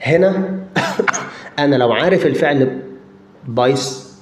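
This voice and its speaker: An Egyptian-accented man giving a grammar lesson in a middle-pitched voice, recorded with a roomy echo. He works through each point slowly, repeats words as he searches for the next one, and keeps asking his listeners whether they follow. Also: lively intonation, noisy background. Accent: Egyptian Arabic. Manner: explains step by step, checks in with listeners often; drawn-out hesitations and repeated words while thinking. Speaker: German language teacher. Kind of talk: explanatory lesson.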